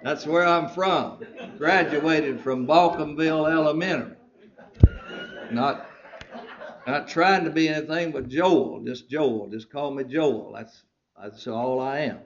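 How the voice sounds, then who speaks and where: A man preaching a sermon with fervent delivery, repeating words and trailing off softly. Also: fairly high pitch, measured pace, muffled recording, noisy background. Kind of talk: sermon to ministers.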